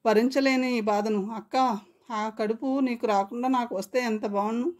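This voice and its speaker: Lady reading as a young guy crying out for his dead sister, anguished, highish voice. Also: steady tone, normal speed, a little mellow, natural voice. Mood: grieving. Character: grief-stricken young man mourning his sister.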